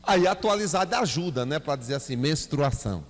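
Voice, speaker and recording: A lively church teacher with a Bahian Portuguese accent runs a Bible class, his voice a little high and brisk. He puts questions to the class and acts out little scenes with his son, all captured in a reverberant church hall.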